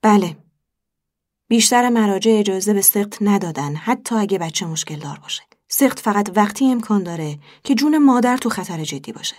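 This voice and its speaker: A woman voicing a firm, caring midwife friend, speaking earnestly and a little louder than the narration around her. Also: medium pitch, lively intonation, lightly acted.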